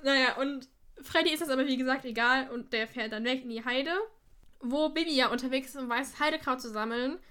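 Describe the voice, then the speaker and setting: A woman chatting casually as a podcast co-host, her voice pitched high and sounding bright and light. She recaps scenes loosely and keeps slipping into little acted quotes. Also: fairly quick, clean tone. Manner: retells scenes with acted quotes and frequent laughter. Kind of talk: casual chat recapping an episode.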